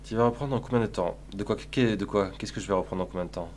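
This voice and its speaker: A man's voice: fairly low pitch, quick pace, a little mellow, a little hiss or hum. A man streaming live, chatting casually in a crude, sarcastic, rambling way while answering his chat.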